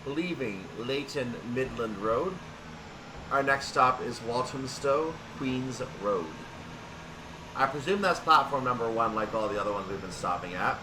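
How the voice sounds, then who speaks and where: A gaming video host gives casual live commentary on a train simulator, narrating each action step by step in a methodical way. His mid-range voice keeps a measured pace, and the distant mic picks up loud, steady background noise.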